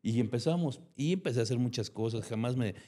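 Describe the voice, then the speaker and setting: Warm-voiced Mexican man telling his story. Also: medium pitch, animated, quick pace. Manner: emotional storytelling, acts out remembered dialogue. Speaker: guest. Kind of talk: personal testimony in an interview.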